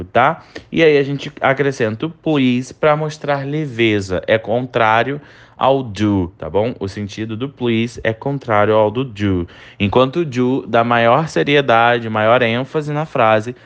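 Male English teacher, mid-pitched, explanatory, drawn-out emphatic example phrases. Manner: frequent tag questions like né and tá. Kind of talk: recorded online lesson.

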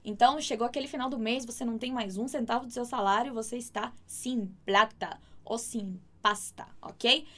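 A Brazilian woman teaching Spanish in an online lesson, explaining patiently and repeating words slowly so learners can practise. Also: fairly high pitch, steady tone, sharp tone. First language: Portuguese.

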